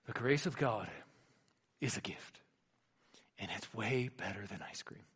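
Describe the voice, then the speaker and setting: A man's voice: on the low side, animated, unhurried, fairly bright tone, breathy edge. A middle-aged man preaching a sermon as a pastor, telling a family story and acting out the voices in it. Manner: storytelling, acts out voices in quotes. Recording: hall reverb.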